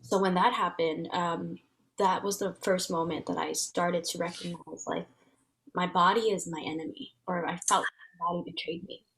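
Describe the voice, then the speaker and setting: The audio is poor, carrying a lowish, gravelly, somewhat bright female voice that stays steady at a normal pace. A transformation facilitator in her thirties and native Vietnamese speaker, she's a guest in a casual interview, reflecting in an earnest, searching manner with frequent fillers and restarts.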